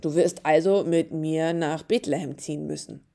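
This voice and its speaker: A woman's voice: low voice, steady tone, normal speed, gravelly, warm tone. A woman voicing an earnest young male carpenter in a storybook reading. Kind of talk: storybook narration.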